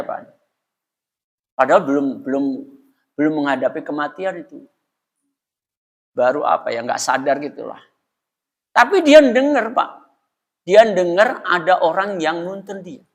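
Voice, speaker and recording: A man's voice: high voice, big-room sound. A man preaching in a prayer room, talking conversationally, asking the congregation questions and laughing often. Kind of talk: mosque sermon.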